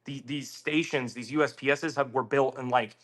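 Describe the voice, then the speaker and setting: Bright, animated guy telling a story. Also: mid-range voice, normal speed. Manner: animated, swearing, acts out quoted voices. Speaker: podcast guest. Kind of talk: casual storytelling chat.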